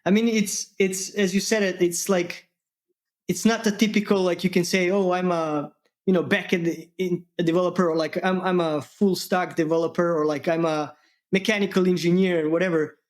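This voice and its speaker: A man from Serbia, a guest engineer talking shop in a halting way, with many fillers. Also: sits high, fairly even intonation. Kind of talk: casual tech interview.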